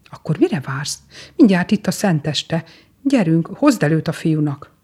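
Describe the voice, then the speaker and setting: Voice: medium pitch, big pitch swings, warm tone, breathy edge. Earnest eager snowman, read by a storyteller, storybook voice. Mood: urging.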